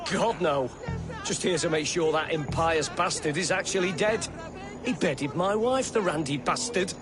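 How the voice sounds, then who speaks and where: An actor playing a bitter, coarse wronged husband in a video game. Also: male voice, on the high side, normal speed, over music, a crowd in the background, lightly acted. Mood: vengeful. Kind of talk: video game character acting.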